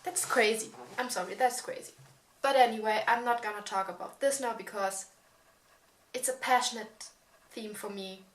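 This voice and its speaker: Young girl, 18, gossipy chatty storytime vlog, kinda high voice, bit echoey room. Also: fairly even intonation, normal speed. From Germany. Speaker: vlogger. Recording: roomy echo.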